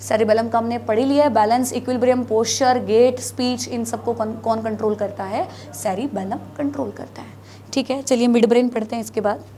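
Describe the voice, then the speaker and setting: A woman's voice: fairly high pitch, steady tone, fairly quick, warm tone, a little hiss or hum. A woman teaching biology in a classroom lecture, mixing Hindi with English terms, asking and answering her own questions. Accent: North Indian Hindi.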